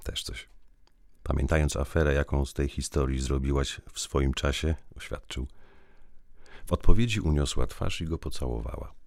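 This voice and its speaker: A man reading a novel aloud as an audiobook narrator, calm and measured. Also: rumbling low, gravelly, no room sound, studio quality. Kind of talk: scripted narration.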